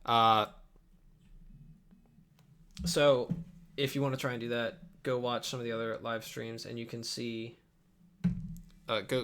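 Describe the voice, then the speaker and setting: Mouse clicks and keyboard typing sit behind this young adult streamer as he edits video indoors at his desk. He talks casually, now and then muttering to himself, in a lowish, gravelly voice with a fairly bright tone.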